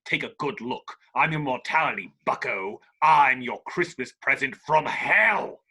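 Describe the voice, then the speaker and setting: A man's voice: mid-range voice, expressive, a little slow, bright, forceful tone, breathy edge, heavily acted. A man playing a menacing, gloating pirate captain villain in a theatrical, taunting way at an amateur script read.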